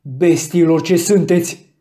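A man voicing an angry, determined young man who shouts and gives orders, in an audiobook reading. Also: sits high, lively intonation. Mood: shouting angrily. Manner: shouting, commanding.

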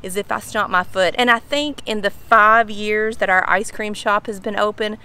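A middle-aged woman talks casually to camera out on a patio. Her Southern drawl comes with a bright, forceful tone at an average female pitch. She explains in a folksy, animated way, repeating phrases to drive them home. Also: normal speed, clean tone. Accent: Southern US, Kentucky drawl. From Kentucky, United States. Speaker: vlogger explaining slang. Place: outdoors on a home pool patio.

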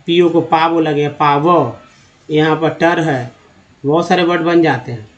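A man teaches viewers how English letters are read, with a fairly high voice. He asks a question, answers it himself, and repeats the key sounds. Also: fairly even intonation, measured pace, highs cut off. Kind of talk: explaining lesson to viewers.

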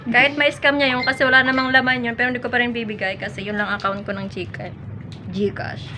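Young Filipino woman, slightly high voice. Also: level tone, a little fast, noisy background. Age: young adult. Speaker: vlogger, student researcher. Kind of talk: casual vlog chat. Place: open room of a simple house with others around. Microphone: phone at arm's length.

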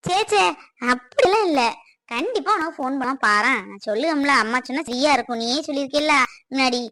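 A woman's voice: high voice, expressive, fairly quick, fairly bright tone, no echo. A woman playing a protective middle-aged mother who talks in a consoling yet scolding way, in a family skit.

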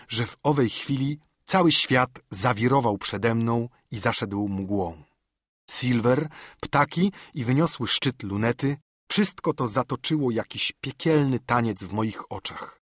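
Husky male audiobook narrator. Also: mid-range voice, a bit bright, no room sound, studio quality. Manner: measured, literary. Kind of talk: scripted narration.

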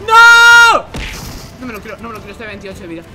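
A young man from Spain with a Spanish accent, doing excited gameplay commentary, going from hushed whispers to shouts and repeating himself rapidly. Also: sits high. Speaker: gaming YouTuber. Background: music.

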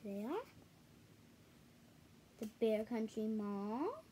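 A girl around ten to twelve reads a picture book aloud in a fairly high, mellow voice with big pitch swings. She reads haltingly, stumbling, repeating words, and breaking off for casual remarks. It's a home camera recording in a living room with some background noise.

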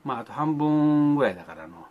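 A man's voice: a little high, big pitch swings, quick pace, breathy edge, narrow, tinny audio. An older man, talking to children in a folksy, grandfatherly way, with old-fashioned speech and playful sound effects. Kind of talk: folksy monologue to the camera.

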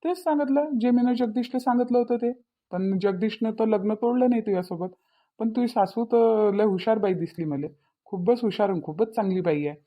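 A woman's voice: on the high side, brisk, lo-fi sound, natural voice. A woman voicing a spiteful young man in a cartoon, taunting and smug, with a Vidarbha Marathi accent. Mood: gloating. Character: spiteful young man, gloating over his revenge.

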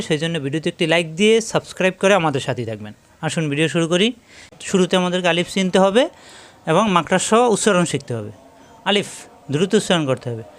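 In a high voice, a man teaches a Quran recitation lesson, explaining each rule step by step. He patiently repeats the key points while demonstrating the sounds.

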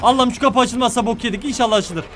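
A young gaming streamer with a very high-pitched voice does let's play commentary on a horror game, talking fast and frantically and swearing constantly at enemies. Loud game music plays behind his voice, making the background noisy.

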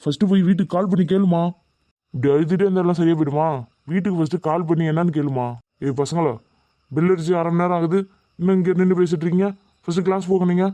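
Guy doing a strict middle-aged lecturer in a cartoon, scolding fast, dark dry voice. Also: high voice, steady tone, no echo, lightly acted. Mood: stern. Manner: scolding, demanding answers. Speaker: college lecturer. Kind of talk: animated cartoon dubbing.

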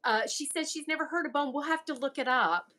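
A middle-aged woman from the American South hosts a knitting podcast. She chats in a loose, rambling way and laughs often. Her voice sits somewhat high. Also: a little fast, bright, forceful tone. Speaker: podcast host. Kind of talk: casual chat.

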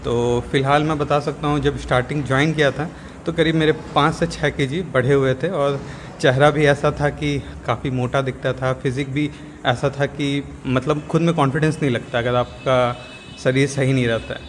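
A man's voice: mid-range voice, normal speed. Young man explaining in a reverberant gym. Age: young adult. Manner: steady instructive tone, mixing in English words. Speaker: gym member. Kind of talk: on-camera explaining, casual. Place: indoor gym. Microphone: lapel mic. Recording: reverberant gym with faint ambient noise.

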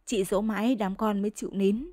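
A woman narrates a village short story in a steady, mid-pitched voice. The sound is dry and close, with no room echo. A bedtime radio-style story reading. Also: brisk.

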